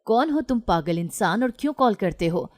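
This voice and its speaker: A woman narrator voicing an anxious but defiant young unmarried daughter in a storybook reading, insistent and sharp-tongued. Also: mid-range voice, lively intonation, close to an everyday voice. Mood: angry. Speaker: daughter in a read-aloud story.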